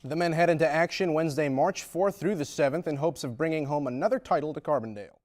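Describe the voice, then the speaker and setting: Guy anchoring student news, reads fast, voice a bit high. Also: darkish tone.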